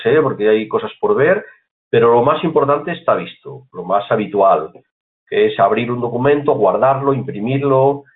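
A man walks learners through software step by step. His pitch moves a lot as he explains, and he keeps asking if they are following. The sound is tinny and narrow, like a phone line. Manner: chatty, repeats points, asks "¿vale?" often. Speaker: computer course teacher. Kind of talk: screen-recorded software tutorial.

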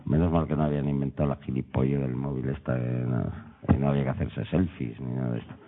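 Very deep-voiced man spinning a wry anecdote. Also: fast talker. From Madrid, Spain. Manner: animated, digressive, wry humor. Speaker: guest writer. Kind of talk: radio anecdote telling. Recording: tinny phone-like line.

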